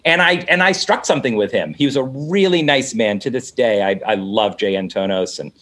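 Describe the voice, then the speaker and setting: A man's voice: mid-range voice, expressive, brisk, a bit bright. A middle-aged man, an interview guest, telling a story casually and acting out both sides of the conversations.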